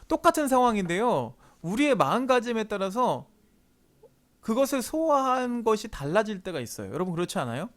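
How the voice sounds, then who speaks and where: Male youth pastor, fairly high voice with a lively, swooping delivery; chatty storytelling sermon that acts out the voices it quotes.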